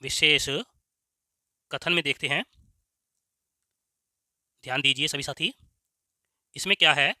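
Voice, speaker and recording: A man teaching Hindi grammar, dictating slowly and repeating words so students can write them down, often saying "ok ji". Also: a little high, pushed and bright, no echo, clean studio sound. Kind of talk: slow dictation-style lesson.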